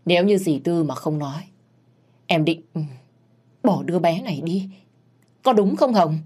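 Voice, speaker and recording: Woman reading a young master, low husky voice, stern and questioning. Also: animated, moderate pace, a little mellow. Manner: serious, questioning. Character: young master of the house, stern then gentle.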